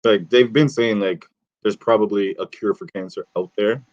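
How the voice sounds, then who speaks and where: A man's voice: fairly low pitch, moderate pace, a little mellow, highs cut off. A man co-hosting a casual podcast chat, telling stories in slang and laughing often. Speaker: podcast co-host.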